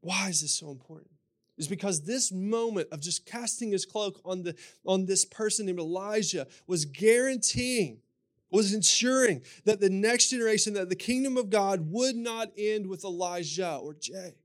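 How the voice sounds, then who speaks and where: High-voiced and speaking at an ordinary speed, this man preaches with a Kentucky accent. He retells scripture stories throughout his sermon, repeating phrases for emphasis as pastors often do.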